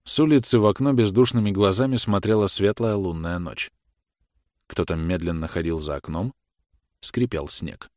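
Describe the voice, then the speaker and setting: A man narrating a classic novel in a measured, grave manner. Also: low voice, a little mellow, no echo, clean studio sound. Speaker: audiobook narrator. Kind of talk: literary audiobook narration.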